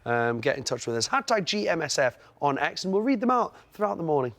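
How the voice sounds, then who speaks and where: A man's voice: fairly high pitch, sing-song, fast talker, a bit bright. A man presenting sports news on a breakfast show, jokey and rambling in the banter between items. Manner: jokey, rambling, trails off mid-sentence.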